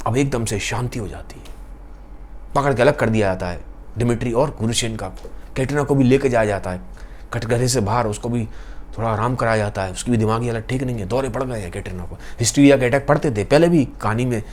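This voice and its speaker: A man's voice: mid-range voice, a little fast, darkish tone, slight background noise. A man retelling a classic novel in a casual, conversational and dramatic storytelling style.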